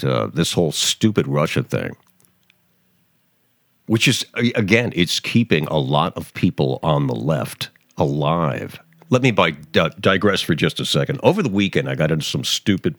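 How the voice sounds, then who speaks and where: A low-voiced man hosts his daily podcast with a lively, swooping delivery. He rambles sarcastically, restarting sentences and tossing in fillers. The sound is dry and close to the mic. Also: no room sound. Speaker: podcast host. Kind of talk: opinionated talk podcast monologue.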